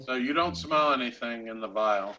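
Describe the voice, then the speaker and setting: A man acting as game master, narrating and explaining a tabletop game haltingly, pausing mid-sentence. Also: medium pitch, pushed and bright, lo-fi sound.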